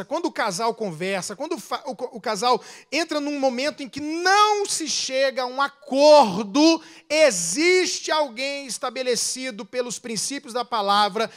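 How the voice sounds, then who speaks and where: A man with a Brazilian accent, a pastor preaching a sermon with animated delivery, swelling loud then dropping into quick asides. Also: very high voice.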